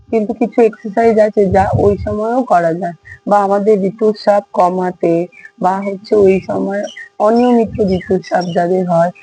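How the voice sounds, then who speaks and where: A hoarse woman teaching yoga, who counts the repetitions aloud while she demonstrates. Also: mid-range voice, dark tone, rough recording. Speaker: yoga instructor. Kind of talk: casual yoga class instruction.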